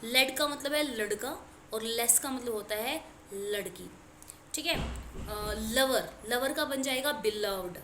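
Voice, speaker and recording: A woman's voice: a little high, slow pace, sharp tone, echoey room, a little hiss or hum. A woman teaching an exam-prep English grammar lesson, naming word pairs and spelling them out letter by letter. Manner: spells out words letter by letter, stresses key words.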